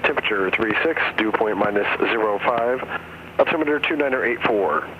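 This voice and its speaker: A man's recorded airport weather broadcast, read out in an even, measured announcer delivery over an aircraft radio. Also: lowish voice. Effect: automated airport weather broadcast over aircraft radio. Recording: muffled radio audio under cockpit engine noise.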